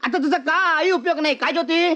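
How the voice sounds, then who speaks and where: A man's voice: very high voice, fairly quick, sharp tone, highs cut off. An actor playing a scheming young husband who mocks his in-laws in a taunting, sarcastic way, in a film scene. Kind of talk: film acting.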